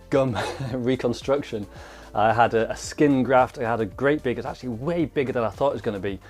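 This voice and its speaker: A man's voice: mid-range voice, a little mellow. A man chatting casually to his vlog viewers, speaking slightly thickly as if the inside of his mouth is swollen. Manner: informal, chatty. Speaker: vlogger, mountain bike trials rider.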